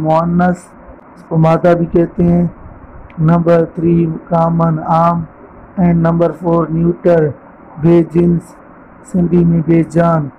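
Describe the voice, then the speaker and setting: A man teaching English vocabulary, listing word pairs with translations in a slow, deliberate way. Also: a little high, highs cut off, a little hiss or hum.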